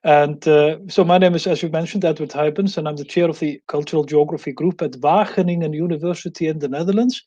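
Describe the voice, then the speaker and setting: Man from Iceland, mellow lo-fi presentation. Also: on the high side, fairly even intonation, quick pace, hardly any pauses. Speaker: guest professor. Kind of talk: academic presentation.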